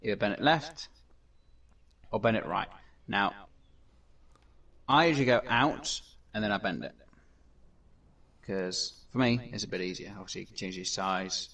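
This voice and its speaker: A man's voice: lowish voice, normal speed, pauses often, fairly bright tone, far from the mic. A man hosting a casual gameplay commentary, talking in a rambling way with many fillers and restarts. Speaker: gaming channel host.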